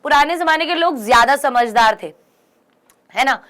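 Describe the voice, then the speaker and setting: A young woman teaches an exam-prep lesson in a high, bright voice. She reads English passages out slowly, then explains each one, often stopping to ask her students questions. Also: expressive.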